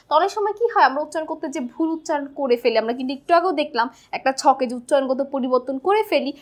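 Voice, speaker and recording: A young woman with a high voice teaches a lesson in a patient, steady way. She goes back over her points and drills each sound one at a time. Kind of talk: classroom lesson explaining phonetics.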